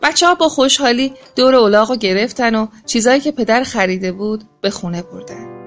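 A woman narrating a children's story in a gentle, expressive reading voice. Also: a little high. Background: faint music.

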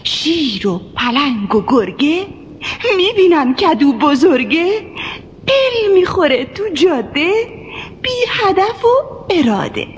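A woman's voice: sits high, very animated, in a large hall, muffled recording. A woman voicing a clever young daughter who reassures her mother in rhyme, in a children's audio story. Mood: reassuring. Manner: rhyming, reassuring, lilting.

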